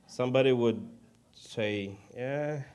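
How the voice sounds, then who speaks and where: Preaching informally in English, which is not his first language, a man from Ukraine speaks as a guest with a Ukrainian accent. He sounds halting and pokes fun at himself, his medium-pitched voice slightly mellow and clean.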